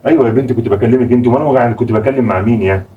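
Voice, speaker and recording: A man with an Egyptian Arabic accent rattles off his lines at a breakneck clip as a flustered, placating father in a home comedy sketch. His voice sits at an ordinary middle pitch. It is picked up from some distance away from the mic. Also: phone-quality sound. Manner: fast-talking, flustered and placating. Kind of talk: comic home sketch acting.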